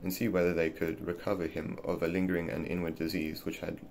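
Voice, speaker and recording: A man's voice: deep voice, little pitch movement, quick pace, vocal fry, a little mellow, slight background noise. A man reading an old essay aloud, often stumbling and repeating words as he goes. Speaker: reader of a classic essay.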